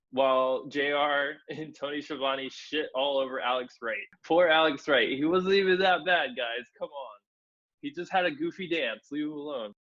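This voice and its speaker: Bright-voiced man recapping with laughs. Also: on the high side, highs cut off. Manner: profane, laughs through recaps. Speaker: podcast co-host. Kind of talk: casual wrestling review chat.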